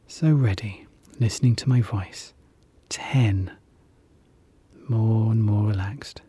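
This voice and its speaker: Guiding a hypnosis session for relaxation, the speaker whispers softly and soothingly, repeating gentle words of calm. The voice is husky and medium-pitched, with a slow pace.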